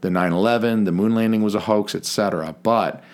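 A man with a fairly low voice co-hosts a casual podcast. He talks in a measured, mock-formal way, then drops in offhand swearing. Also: steady tone, a little mellow. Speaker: podcast co-host.

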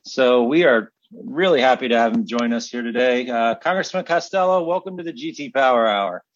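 A man's voice: medium pitch, animated, fairly quick, highs cut off. A man co-hosting a podcast in a casual, conversational style. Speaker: podcast co-host.

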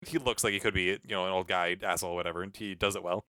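A man's voice: sits low, steady tone, racing, bright, forceful tone, no room sound, studio quality. A man co-hosting a casual film discussion, chatty and laughing often. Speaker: podcast co-host.

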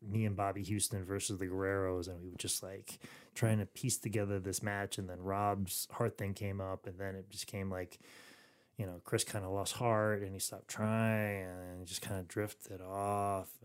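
A man's voice: low voice, level tone, normal speed. A man hosting a podcast, talking casually and rambling through stories with many restarts and fillers. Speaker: podcast host. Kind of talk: casual chat.

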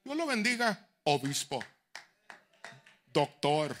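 A middle-aged man preaching a sermon in a fairly high, bright, forceful voice. His pitch swings widely, and he moves from hushed asides to loud, driving appeals. Now and then he slips English phrases into his preaching. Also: slow pace, slight background noise. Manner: animated, swings from near-whispers to shouted exhortation. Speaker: bishop and preacher.

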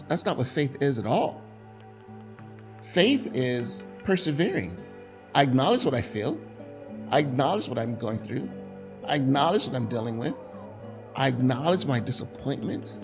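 A middle-aged man preaching a sermon in a conversational, animated way, often restarting his sentences. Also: medium pitch. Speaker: pastor.

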